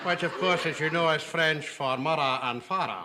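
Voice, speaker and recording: Brief: man playing smug would-be polyglot, a touch high, old sketch with loud crackle. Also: normal speed, close to an everyday voice. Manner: self-satisfied, mangled grammar. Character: pompous man boasting of his language gift. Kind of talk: TV comedy sketch. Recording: archive TV sketch with loud noise and clicks.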